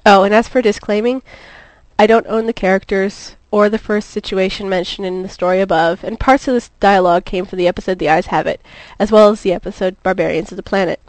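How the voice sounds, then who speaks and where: A woman's voice: mid-range voice, fairly even intonation, brisk, dry recording, rough recording. Woman reading her fan fiction aloud. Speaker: fan fiction author and reader.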